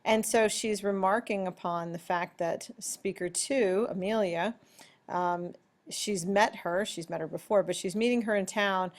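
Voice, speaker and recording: Woman, teacher, poetry lesson, deliberate explaining, mid pitch.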